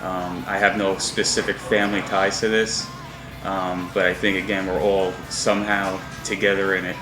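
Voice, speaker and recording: A man's voice: deep voice, level tone, moderate pace, roomy sound, over music, poor audio. A man speaking plainly in a casual interview.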